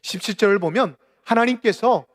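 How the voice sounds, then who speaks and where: Korean pastor guy giving a sermon, kinda high voice, gets loud then drops to a whisper. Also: a little fast. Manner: dramatic preaching, rising to loud outcries and dropping to near-whispers. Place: church sanctuary.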